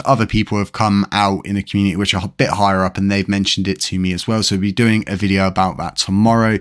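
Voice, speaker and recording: A man hosting a channel, talking casually and directly to his viewers while on strong painkillers. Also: sits low. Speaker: crypto channel host. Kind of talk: casual vlog commentary to viewers.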